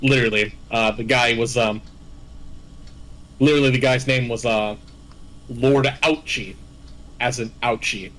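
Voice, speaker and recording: A man's voice: mid-range voice, steady tone, a little slow, pauses often, fairly bright tone, low-quality recording. A man hosting a video, recapping a game in casual chat, rambling and laughing as he corrects himself. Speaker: host recapping game villains.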